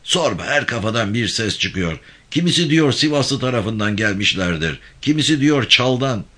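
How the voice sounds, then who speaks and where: A man's voice: medium pitch, expressive, normal speed, pushed and bright, pitched above the performer's own voice. A man voicing a young servant who chattily passes on village gossip to his master. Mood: reporting. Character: loyal young farmhand, eager to report.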